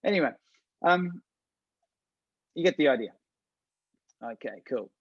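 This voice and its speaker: A man's voice: fairly high pitch, animated, unhurried, slightly rough, no echo, lo-fi sound. A man coaching a business workshop in a casual, chatty way, often restarting sentences and checking in with his listeners. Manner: casual, chatty, repeats words, restarts sentences, addresses audience directly. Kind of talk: online workshop presentation.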